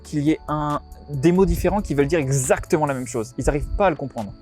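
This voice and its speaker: Exasperated man ranting outdoors, high voice. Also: fast, darkish tone, soft background music. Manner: exasperated, swearing, quoting others in mocking voices. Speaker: vlogger. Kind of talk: casual vlog rant.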